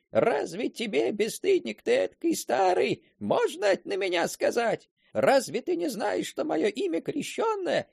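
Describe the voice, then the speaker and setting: A garrulous old countryman with a high, gravelly voice that leaps wildly up and down as he mimics the people in his story. His husky voice sits dry and close, with no room around it. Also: dry recording, exaggerated voice. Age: older. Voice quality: husky and creaky. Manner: lively, quick to mimic others' voices. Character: talkative old village man spinning a yarn. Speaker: storyteller character. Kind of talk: radio play acting.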